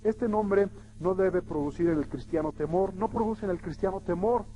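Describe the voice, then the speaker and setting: A man delivers an emphatic sermon in a church hall, his voice sitting fairly high. He keeps turning to the congregation with rhetorical questions. The sound comes through like a radio broadcast. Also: moderate pace, highs cut off, a little hiss or hum. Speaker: pastor.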